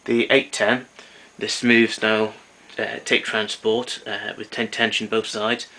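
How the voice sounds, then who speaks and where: Speaking a little slowly, the repairer has a lowish, level voice that sounds pushed and bright. He explains his tape recorder work informally and matter-of-factly, hesitating slightly, over a noisy recording with clicks.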